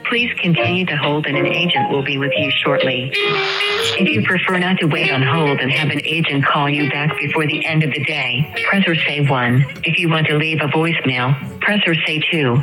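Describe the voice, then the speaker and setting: Male phone menu announcer, slightly higher register, scripted hold-line read over prominent music. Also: lively intonation, normal speed, low-quality recording. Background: loud music.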